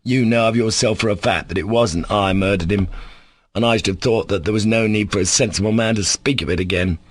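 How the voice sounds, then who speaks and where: A man's voice: fairly low pitch, brisk, no echo, close to an everyday voice. A man reading an audiobook, voicing a sickly, resentful male servant who talks coolly and sarcastically. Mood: insolent. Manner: cool, defiant, sarcastic.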